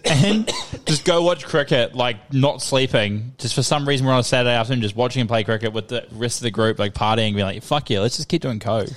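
A young man with a medium-pitched voice. He talks casually and laddishly, leaning on slang and swear words. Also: brisk. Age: young adult. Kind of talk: casual chat.

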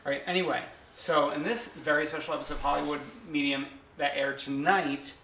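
Gossipy guy podcasting, gravelly and bright, echoey room w/ faint hiss. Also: on the high side, steady tone. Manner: gossipy, chatty, quick asides. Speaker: podcast co-host. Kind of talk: casual chat.

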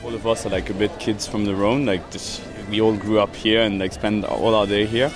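An easygoing man from Sierra Leone speaks casually outdoors by a river, his voice on the low side. Music plays clearly in the background. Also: fairly quick. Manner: relaxed, easygoing, lots of fillers. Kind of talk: casual chat.

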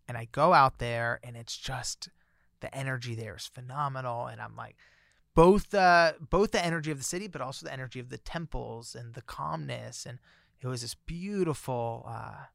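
Gravelly-voiced man telling a story. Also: mid-range voice, moderate pace, no echo, studio quality. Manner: chatty, many fillers, grows excited when recounting surprises. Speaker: author guest. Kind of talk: casual storytelling.

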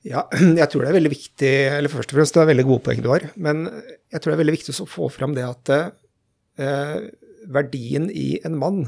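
A male doctor talks through his points slowly and thoughtfully, pausing often on fillers. His voice is heavily gravelly with a husky edge. It sounds like a relaxed podcast chat. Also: on the high side. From Norway. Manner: thoughtful, hesitant with many fillers. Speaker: general practitioner guest. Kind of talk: casual podcast conversation.

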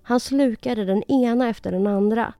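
A woman reading a fairy tale aloud in a calm, even storytelling voice. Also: fairly high pitch, no echo, faint music behind.

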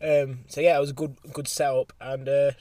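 A man's voice: medium pitch, level tone, brisk, warm tone, dry recording, recorded from a distance. A British man hosting a casual, slangy sports podcast, recorded out in a car park. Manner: informal, slangy. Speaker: podcast host.

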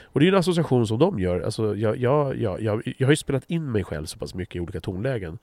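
A man's voice: medium pitch, sing-song, a little mellow, no echo. A blunt, direct man from Sweden in casual conversation, swearing freely and often restarting his sentences.

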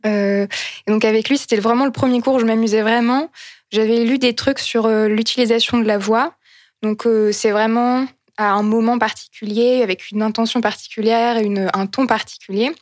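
A woman telling a personal story in an earnest, halting way, often pausing to search for words. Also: a little high, steady tone, dry recording, studio quality.

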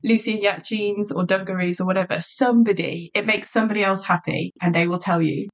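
A woman's voice: mid-range voice, steady tone, fairly quick. Chatty, enthusiastic woman podcast co-host. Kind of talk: casual podcast chat. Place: lives in a small market town in south-west England.

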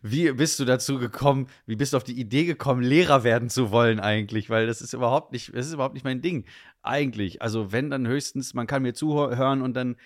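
A man's voice: mid-range voice, fast, no room sound, clean studio sound. A young man from northern Germany, a guest chatting casually in an interview, rambling with many fillers.

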